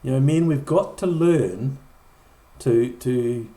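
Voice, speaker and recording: A man's voice: mid-range voice, slow pace, mellow. Middle-aged pastor guy giving a chatty sermon, trips over words a lot, voice bouncing around a roomy hall. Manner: conversational, repeats and restarts words, acts out short quoted lines. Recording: echoey room.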